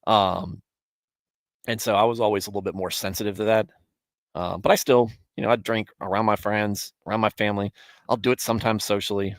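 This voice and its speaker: This streamer, a man in his thirties running a Bible show, chats loosely with viewers, wandering, backtracking, and laughing a lot. He speaks quickly with a lowish, steady voice, and there's no room sound at all.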